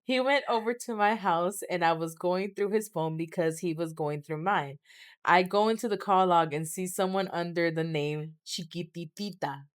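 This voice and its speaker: A woman's voice: fairly low pitch, moderate pace, clear, resonant tone, dry recording. Laughing woman telling stories, dry mic. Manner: animated storytelling, laughs often. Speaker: podcast co-host. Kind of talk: casual chat.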